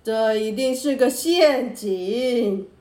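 A woman voicing a proud, angry male donkey prince in a children's story, speaking loudly and indignantly. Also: on the high side, takes it slowly, echoey room, pitched below the performer's own voice. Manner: loud, indignant.

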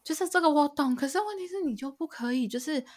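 A woman's voice: high voice, lively intonation, fast, a little mellow. A young woman, co-hosting a casual podcast chat and venting in an exasperated, ranting way. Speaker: podcast co-host.

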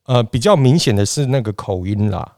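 A man in his forties chatting as a guest, relaxed and talkative, often laughing and restarting his sentences. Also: medium pitch, brisk, no echo, clean studio sound. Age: 40s. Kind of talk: casual chat.

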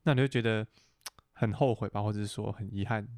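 A young man from Taiwan hosting a casual podcast chat, teasing his guest with quick probing questions. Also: on the low side, steady tone, darkish tone, no room sound, clean studio sound. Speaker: podcast host.

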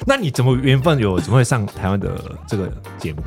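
A man's voice: medium pitch, sing-song, fast talker, darkish tone, faint music behind. A man hosting a casual interview, playful and chatty, often repeating his phrases. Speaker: podcast host.

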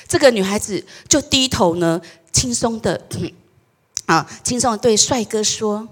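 A woman's voice: medium pitch, unhurried. A woman pastor giving a sermon, leading the congregation in reading verses aloud and telling jokes in Taiwanese Mandarin. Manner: animated, tells jokes and leads the congregation in call-and-response.

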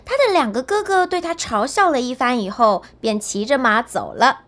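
A woman narrating a bedtime story in an expressive, gentle read-aloud. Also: high voice, moderate pace.

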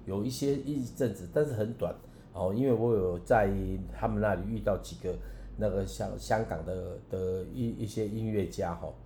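Preacher guy on the radio, low dark voice, keeps restarting, earnest, echoey room. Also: a little hiss or hum. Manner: halting and earnest, many restarts, emphatic rises. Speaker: preacher and songwriter, radio guest. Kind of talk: personal testimony in a radio interview.

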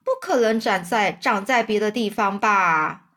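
A woman's voice: mid-range voice, unhurried, fairly bright tone, close to an everyday voice. A woman voicing a curious young boy who asks eager, wide-eyed questions in a children's storybook.

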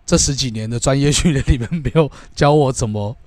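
A man's voice: medium pitch, a little fast, a little mellow, no echo. A young man, telling a story in a casual chat and swearing often as he goes. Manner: swears casually, lots of filler agreement. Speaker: podcast co-host.

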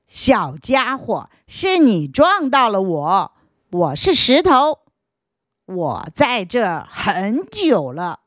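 A stubborn old stone from a children's storybook, rude and bossy, mocking anyone who asks it to move, as a woman storyteller puts it on. The delivery swings widely in pitch and moves slowly. Recorded close and dry. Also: wildly swooping pitch, a bit bright, dry recording, heavily acted. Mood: domineering.

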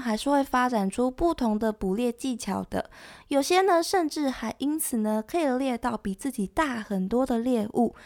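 A woman giving scripted nature documentary narration as a presenter, explaining things in a conversational way with soft sentence particles. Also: fairly high pitch. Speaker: presenter of an animal education show.

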